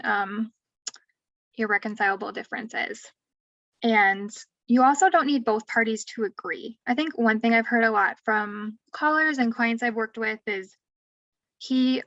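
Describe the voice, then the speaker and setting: High-voiced woman on a distant, muffled mic. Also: sharp tone, dry recording. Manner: conversational, thinks aloud with asides. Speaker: family law advocate. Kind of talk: webinar explanation. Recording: distant dull lo-fi mic, dry.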